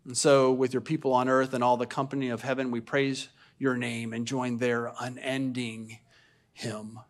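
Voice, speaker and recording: A man speaking as a pastor, delivering a sermon and communion liturgy in a solemn, measured, declamatory manner. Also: medium pitch, flat delivery. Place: church service.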